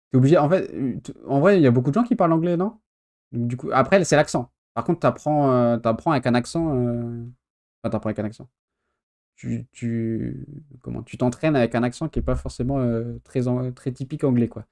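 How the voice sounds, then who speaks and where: Male streamer, warm dark tone, easygoing chat full of pauses and fillers. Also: medium pitch. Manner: hesitant thinking aloud, many fillers. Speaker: streamer reacting to a video. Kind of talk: casual chat.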